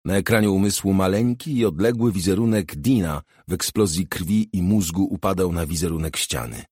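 A man reads a novel aloud in a steady, measured way. His voice is low and husky. The recording is dry and close, with no room sound. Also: no room sound. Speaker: audiobook narrator. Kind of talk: scripted narration.

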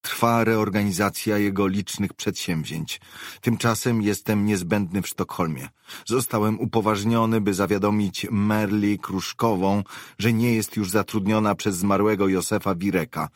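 A man voicing an emotionless male corporate official in an audiobook, reading a formal notice in a flat, businesslike way. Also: on the low side, measured pace, dry recording, studio quality, close to an everyday voice. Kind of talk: audiobook character voice.

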